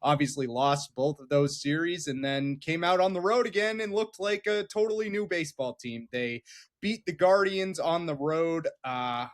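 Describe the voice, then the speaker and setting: A man's voice: on the high side, normal speed. Easygoing male sports podcast host. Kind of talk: casual sports chat.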